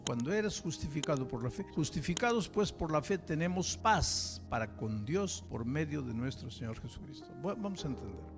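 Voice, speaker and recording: A man preaching a sermon as pastor in a church, building from quiet to loud emphatic passages. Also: on the high side. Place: church hall. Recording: long church reverb.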